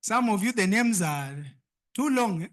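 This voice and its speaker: A woman hosting a live pitch competition, exhorting the audience and repeating her instructions. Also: lively intonation, normal speed. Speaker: event host and emcee. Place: live event before an audience.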